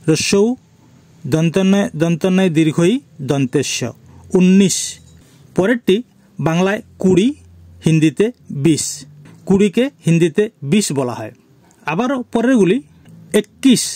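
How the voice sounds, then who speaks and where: A man teaching a spoken language lesson, saying each word slowly, repeating it and spelling out its letters. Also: high-pitched, a little mellow.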